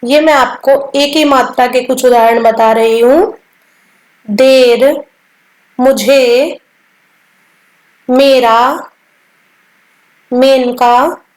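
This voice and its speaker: Woman teacher, high voice, slow deliberate lesson pace, repeats each sound, echoey room. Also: fairly even intonation. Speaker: Hindi teacher.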